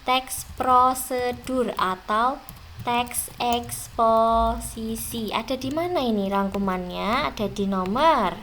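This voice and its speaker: A woman's voice: a little high, a bit bright, a little hiss or hum. A young woman teaching an exam review lesson, speaking straight to her students and drawing out the words she stresses. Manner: slow, drawn-out stressed words, addressing students directly.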